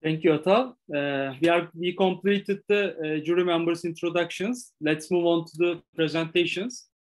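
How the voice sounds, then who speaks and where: A man moderating a pitch event as its host. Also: steady tone, moderate pace. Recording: faint background noise.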